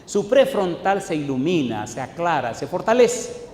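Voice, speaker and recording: A male pastor preaching a sermon in a church, firing rhetorical questions at the congregation and swinging between loud declaiming and quiet asides. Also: a little high, big pitch swings, moderate pace, slight background noise. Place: church sanctuary. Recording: echoey church hall with long reverb.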